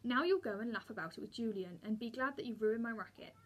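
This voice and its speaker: A woman's voice: fairly high pitch, fast, lightly acted. A woman reading the part of a furious, proud schoolboy, raising her voice indignantly. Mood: bitter. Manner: shouting indignantly.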